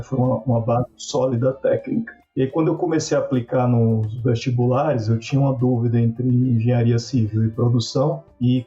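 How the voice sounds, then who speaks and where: A man gives calm, steady interview answers, often checking in with a short tag question. His voice is dark and mellow, the audio dull and lo-fi, with faint music underneath. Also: mid-range voice. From Bahia, Northeast Brazil. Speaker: logistics executive guest.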